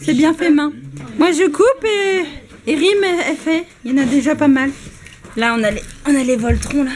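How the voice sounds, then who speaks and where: A woman's voice: high voice, normal speed. A young woman from France chatting cheerfully as she films her vlog, laughing often. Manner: cheerful, laughs often, narrates while filming. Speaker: vlogger, exhibitor. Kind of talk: casual handheld vlog chat. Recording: noisy background.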